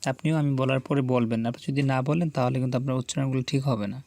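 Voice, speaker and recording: A man's voice: mid-range voice, fairly even intonation, gravelly, warm tone, dry recording. A man teaching Quran reading, sounding out letters one at a time and patiently urging the viewer to repeat each one after him. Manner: patient, deliberate, coaxing learners to repeat aloud. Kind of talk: slow call-and-repeat letter drill.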